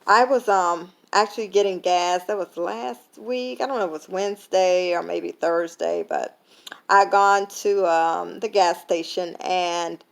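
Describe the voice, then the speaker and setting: A woman's voice: lowish voice, a little slow, gravelly. Tired woman, casual vlog talk with lots of "um", retelling with quoted dialogue. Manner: conversational, many fillers, retelling with quoted dialogue. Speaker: vlogger sharing a faith lesson. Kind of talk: casual reflective talk to camera.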